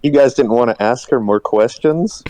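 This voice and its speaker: A man's voice: mid-range voice, moderate pace, dark tone, no echo, low-quality recording. Curious man chiming in with questions. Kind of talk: casual chat.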